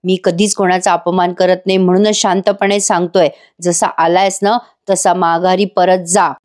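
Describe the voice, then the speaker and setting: A woman voicing an older man, a stern father who orders a young man away in slow, cold words. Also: lowish voice, little pitch movement, a little mellow, close to an everyday voice.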